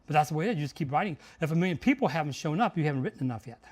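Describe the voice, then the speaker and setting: A middle-aged man giving a motivational talk, telling a story with lots of energy and raising his voice sharply when he acts out shouted lines. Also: on the high side, animated, rapid-fire. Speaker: host, marketing speaker.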